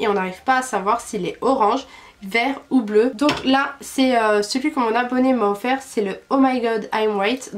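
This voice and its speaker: Young woman, beauty vlogger, fairly high voice, chatty, lots of fillers. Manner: chatty, frequent "euh" fillers. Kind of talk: casual product review.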